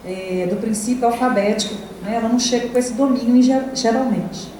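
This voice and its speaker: A woman's voice: fairly high pitch, fairly quick, mellow. A middle-aged Brazilian woman giving a university lecture to teachers, talking casually with frequent tag questions and fillers. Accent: Brazilian Portuguese. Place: lecture hall. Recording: echoey hall, distant, faint noise.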